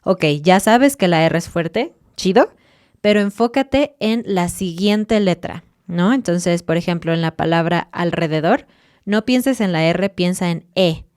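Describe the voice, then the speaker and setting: A woman co-hosts a podcast in a relaxed teaching chat. Her voice is smooth and clear, recorded dry and close with no room sound. She explains patiently and sounds out example words. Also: on the low side, measured pace, no echo. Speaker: podcast co-host.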